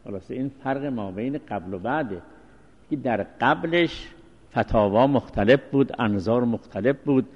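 Low-voiced man lecturing in a reverberant hall. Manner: measured, explanatory, short phrases with pauses. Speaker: teacher of Islamic law. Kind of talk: seminary lecture. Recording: dull lo-fi recording with long reverb.

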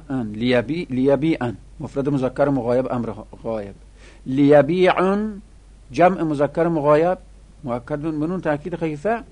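A man teaching Arabic verb forms, chanting conjugations slowly and repeatedly in a sing-song way and stopping to correct errors in the textbook. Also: medium pitch, a little mellow. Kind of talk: classroom lecture.

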